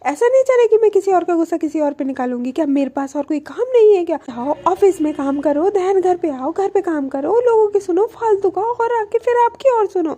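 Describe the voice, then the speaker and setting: A woman's voice: very high-pitched, animated, brisk, hardly any pauses, dark tone. A woman voicing a short-tempered young woman, snapping defensive retorts in a quarrel. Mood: irritated.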